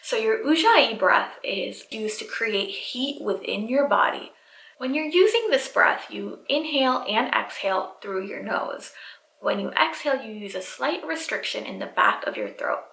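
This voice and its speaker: A woman's voice: fairly high pitch, very animated, a little slow, creaky, sharp tone, roomy sound, poor audio. A woman yoga instructor giving step-by-step guided breathing cues straight to the viewer. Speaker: yoga instructor, channel host.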